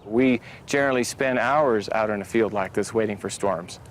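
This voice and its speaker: A man's voice: lowish voice, moderate pace, a little hiss or hum. An American man talking casually in an interview as a storm chaser.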